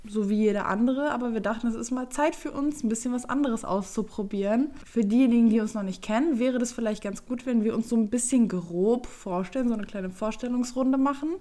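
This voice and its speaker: A woman's voice: fairly high pitch, fairly quick, few pauses, mellow. A woman in her twenties from Düsseldorf, co-hosting a podcast and telling stories in a chatty, playful way. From Düsseldorf, Germany. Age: 20s. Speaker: podcast co-host. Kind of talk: casual chat, storytelling.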